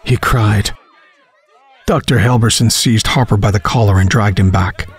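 A man narrating a horror story, reading in a measured, dramatic way. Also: on the low side, husky.

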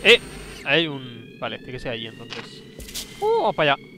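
A man's voice: very high voice, wildly swooping pitch, normal speed, pushed and bright, slight background noise. A man streaming a horror game live, thinking aloud, easily startled and yelping at scares. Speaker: livestreaming gamer.

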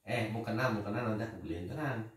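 A man's voice: fairly low pitch, fast talker, a little hiss or hum. A man, a father, chatting casually with his family at home. His talk is playful and teasing. The recording picks him up from a distance in a strongly echoing room. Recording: echoey room, mic far off.

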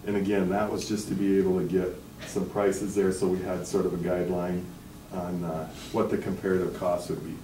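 A man's voice: low voice, fairly quick. A man standing in a meeting room, steadily walking a school board through bid items and prices. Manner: steady, explanatory, reads figures aloud. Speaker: architect presenting bids. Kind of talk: formal presentation at a meeting. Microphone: far camera. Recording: echoey room from far off, background hiss.

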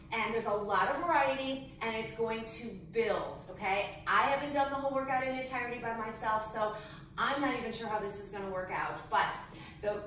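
A woman's voice: a little high, fairly bright tone, far from the mic, slight background noise. Breathless fitness instructor woman, echoey room. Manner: cueing and counting reps while exercising. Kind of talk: workout instruction.

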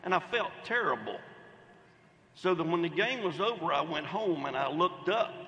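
A man's voice: on the high side, lively intonation, normal speed, sharp tone, muffled recording. An older man giving a folksy commencement speech at a podium, telling anecdotes. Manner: folksy, storytelling, Southern phrasing. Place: large outdoor commencement ceremony. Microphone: podium microphone. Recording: echoey reverberant venue sound.

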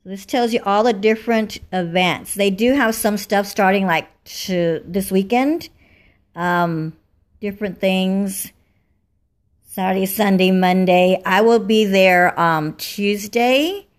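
A woman hosting a casual livestream from home, her voice slightly raspy as she is losing it, chatting with fillers. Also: mid-range voice. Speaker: livestream host. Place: home, indoors.

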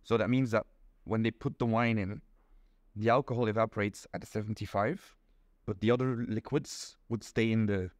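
Studio-quality audio with no room sound captures a young Belgian man's fairly low, steady voice at a moderate pace. Patient and full of ums, he explains things step by step as a guest in a casual interview held in a small indoor room.

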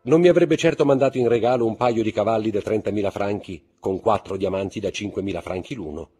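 A man reading aloud and voicing a vain, curious middle-aged baroness who presses for gossip in a raised, quick voice. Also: fairly low pitch, mellow, breathy edge, pitched above the performer's own voice. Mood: insistent, gushing.

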